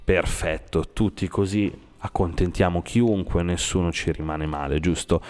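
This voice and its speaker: A man's voice: low voice, steady tone, unhurried, darkish tone, big-room sound. An adult man hosting a school radio podcast, coaching children with encouraging questions. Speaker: radio host leading a school podcast session. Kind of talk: friendly coaching chat with children. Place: school room set up for recording. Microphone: studio microphone with headphones.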